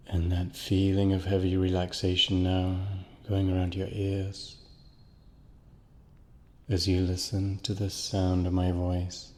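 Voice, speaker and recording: A man leads a guided hypnosis relaxation in a very deep, almost monotone voice. His slow, soothing phrases repeat, and his voice fades into a long reverb.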